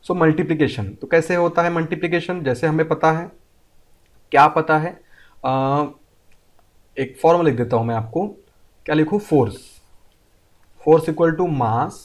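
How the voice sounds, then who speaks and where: Hindi-speaking man drilling physics rules. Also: on the high side. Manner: repetitive drilling, quizzing students with questions. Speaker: physics teacher. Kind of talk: online classroom lesson. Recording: audio briefly disturbed, distant.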